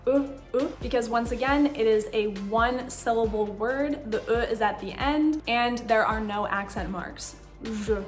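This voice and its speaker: A woman teaching pronunciation in a slow, careful instructional manner, sounding out words and single sounds deliberately. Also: fairly high pitch.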